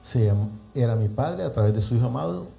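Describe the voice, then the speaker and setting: A man preaching a sermon, reading scripture aloud and often clearing his throat. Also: mid-range voice, expressive, fast talker, mellow.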